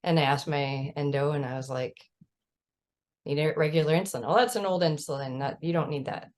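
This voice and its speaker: A woman's voice: low voice, a little fast. A mother of a child with type 1 diabetes, talking earnestly and emphatically in a casual chat over a video call, often adding "right?". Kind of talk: casual conversational storytelling.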